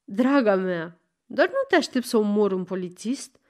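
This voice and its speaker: A woman's voice: medium pitch, animated, darkish tone, natural voice. A woman reading an audiobook and voicing a polite, wry young man who keeps up a bluff. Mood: calm, polite.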